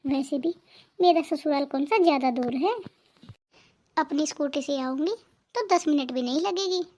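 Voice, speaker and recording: A chirpy young married daughter from a cartoon family drama, voiced by a woman, with a very high voice. She sounds eager and keen on everything. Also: moderate pace, warm tone, lightly acted.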